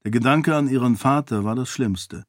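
A man narrating a fantasy novel in calm, even audiobook style. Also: mid-range voice, moderate pace, no echo, clean studio sound. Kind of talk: scripted narration.

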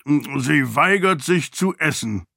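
A man voicing a portly, blunt, booming count in an audiobook, talking slowly and blusteringly. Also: lively intonation, creaky, pushed and bright, no room sound, studio quality, exaggerated voice. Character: portly boisterous male count, blunt glutton. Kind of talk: audiobook character voice.

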